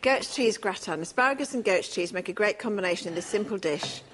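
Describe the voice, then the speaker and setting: A woman's voice: medium pitch, animated, fairly quick, fairly bright tone, slight background noise. A woman presenting on a shopping channel, bubbly and gushing as she leafs through a cookbook with a chef guest. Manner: bubbly, gushing over food. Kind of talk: studio presenting.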